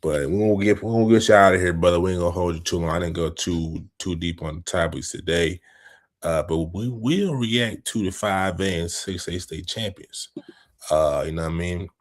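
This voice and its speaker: A man's voice: low voice, moderate pace. A man co-hosting a podcast, talking sports in a laid-back, slangy way and often asking "you know what I mean". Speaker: podcast co-host. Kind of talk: casual sports chat.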